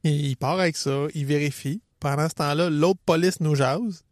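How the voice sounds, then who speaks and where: A man with a Quebec French accent, co-hosting a podcast, telling a story in an animated, colloquial way with casual swearing. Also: a little high, normal speed, no room sound, clean studio sound. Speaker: podcast co-host, running coach.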